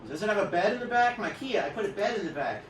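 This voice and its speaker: A man's voice: high voice, very animated, fast, slight background noise, voice pushed up. Man doing a cocky young kid. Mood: teasing. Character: cheeky young man in a small car. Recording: roomy distant party recording.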